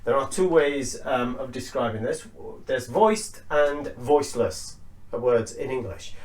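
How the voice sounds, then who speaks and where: A man teaching an English lesson, explaining slowly and deliberately and spelling out each sound. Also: medium pitch, lively intonation, a little mellow. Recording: echoey room.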